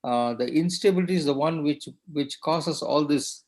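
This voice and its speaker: A neurosurgeon, speaking hesitantly and placatingly on a panel, with many restarts. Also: male voice, fairly high pitch, normal speed, poor audio. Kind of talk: panel discussion.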